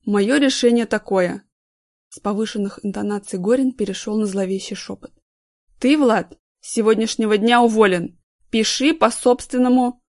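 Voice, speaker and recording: A woman's voice: mid-range voice, normal speed, dry recording, clean studio sound, close to an everyday voice. A woman reading a novel aloud, voicing a stern middle-aged male TV station boss who scolds and gives orders. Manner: commanding, scolding.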